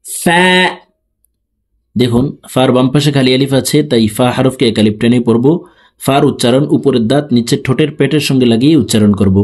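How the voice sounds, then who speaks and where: A man teaching letter pronunciation, explaining each sound slowly and then chanting it with long drawn-out vowels. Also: medium pitch, fairly even intonation, a little mellow, slightly rough. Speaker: Quran reading teacher.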